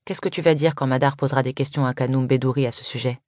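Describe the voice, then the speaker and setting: A woman's voice: a bass voice, steady tone, fast, a little mellow, dry recording, studio quality. A woman reading aloud and voicing a sensible teenage older sister who speaks hesitantly and reasons things out. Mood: reasoning.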